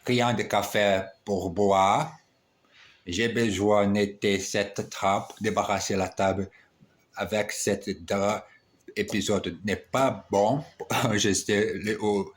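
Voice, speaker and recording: A man practicing phrases aloud, repeating each one slowly and adding self-mocking dramatic asides. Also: lowish voice. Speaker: language learner.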